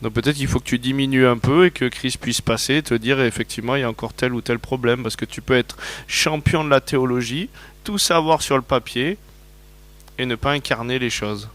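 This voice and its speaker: A man preaching to a congregation, his pitch sitting right in the middle for a man. He tells long personal stories in an easy, conversational way and keeps checking that the listeners agree. It sounds like a relaxed, talking-style sermon. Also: brisk. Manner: storytelling, conversational, asks the audience questions.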